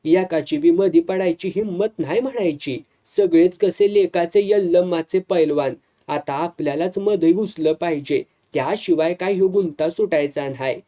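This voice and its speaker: A brash, hot-tempered village man, as a storyteller puts him on barks in a rough rural Marathi dialect. The voice is dark and mellow. It sits in a told folk tale. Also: a little high, normal speed, natural voice. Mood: indignant.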